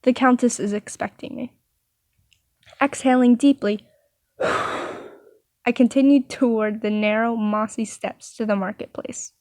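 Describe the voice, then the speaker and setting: A woman's voice: a little high, steady tone, a little slow, pauses often, darkish tone, no echo, clean studio sound. A woman reading a visual novel aloud, with playful asides between narration. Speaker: story reader.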